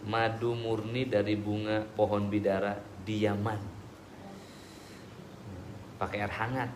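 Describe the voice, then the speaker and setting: A man preaching and answering audience questions in a relaxed, conversational way with everyday examples. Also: fairly low pitch, slow pace. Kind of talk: casual religious Q&A talk. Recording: echoey room with background noise.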